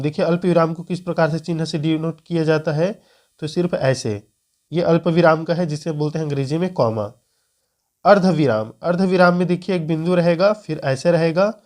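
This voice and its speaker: A man's voice: a little high, darkish tone. A man teaching Hindi grammar for an exam, explaining patiently and repeating key points. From Chhattisgarh, India. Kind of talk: screen-recorded lesson.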